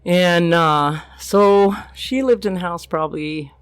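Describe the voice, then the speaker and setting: A woman's voice: lowish voice, slow, clean tone, no echo. An older woman, a grandmother, telling a true story as a podcast guest, plainly acting out the quoted lines.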